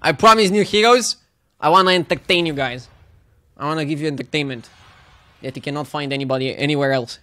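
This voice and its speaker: A man's voice: medium pitch, fairly even intonation, fast, sharp tone. A male streamer giving casual, joking commentary while playing and chatting with viewers. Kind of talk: casual live gameplay commentary.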